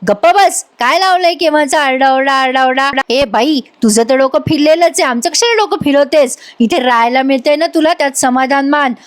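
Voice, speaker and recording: A woman voicing a rude young woman who scolds and shouts at others. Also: sits high, brisk, hardly any pauses, lightly acted. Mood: scolding. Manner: scolding, loud.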